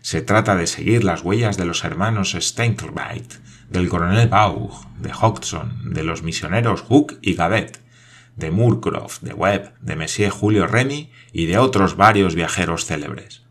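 In an audiobook reading, an excitable, absent-minded geographer, played by a man, declaims in a rapid, enthusiastic rush. The voice sits low and deep for all his eagerness. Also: a little hiss or hum.

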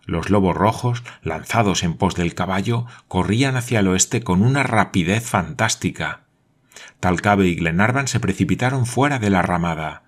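A man narrating an adventure novel in a steady, measured audiobook reading. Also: sits low.

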